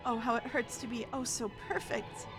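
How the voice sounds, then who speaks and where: A woman's voice: a little high, steady tone, normal speed, voice pushed up, lightly acted. A woman voicing a preening, doll-like perfect girl from a video game, sugary, affected and condescending, over music. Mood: smug, sugary. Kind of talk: video game dialogue read-aloud. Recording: music behind the voice.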